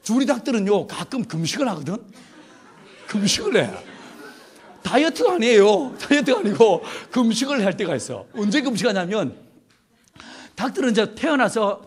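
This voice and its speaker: A man's voice: high-pitched, breathy edge. A middle-aged man preaching a humorous sermon at a youth retreat, telling stories with playful laughter. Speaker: pastor.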